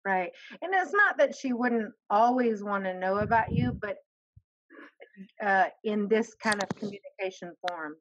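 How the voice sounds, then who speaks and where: A woman co-hosting a podcast, easygoing and quick to laugh, chatting casually. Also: medium pitch, lively intonation, muffled recording, a little hiss or hum. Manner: easygoing, laughs often, quick backchannel replies.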